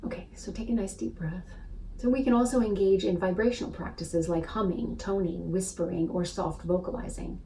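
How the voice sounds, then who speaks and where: Gentle, soothing woman spiritual teacher. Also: fairly low pitch, fairly even intonation, brisk, recorded from a distance, slight background noise, poor audio. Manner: gentle and soothing, often adds "right?".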